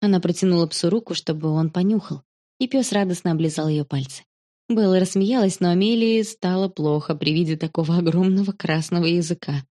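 Woman, audiobook narrator, children's story, calm, even, mellow warm tone. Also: on the low side, a little fast.

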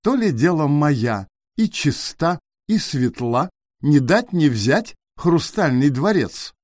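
A man's voice: fairly high pitch, sing-song, slow, a little mellow, dry recording, clean studio sound, voice pushed up, full character voice. A man voicing a sly, boastful female fox in a storybook tale, mocking and threatening.

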